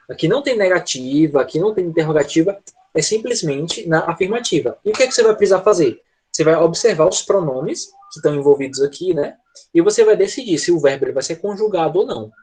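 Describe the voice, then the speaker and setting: Patient husky male teacher. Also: fairly high pitch, animated, darkish tone. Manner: patient, checks in with "tá?" often; slows down to model English words. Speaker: English teacher. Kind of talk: online class, explaining grammar.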